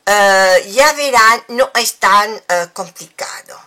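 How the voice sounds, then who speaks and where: An older woman teaching with patient explanations, repeating example phrases slowly. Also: medium pitch, lively intonation, sharp tone. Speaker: language teacher.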